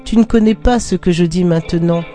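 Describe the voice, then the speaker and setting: A reader voicing a solemn, humble male desert prophet in a grave, measured storybook reading, with faint guitar behind. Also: mid-range voice, mellow, close to an everyday voice.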